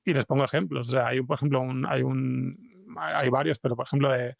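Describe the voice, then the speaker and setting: A Spanish-accented podcast fiction writer with a mid-range, steady, gravelly voice tells anecdotes during a conversational interview as the guest. His delivery is halting and full of restarted sentences, captured in a dry, studio-quality recording.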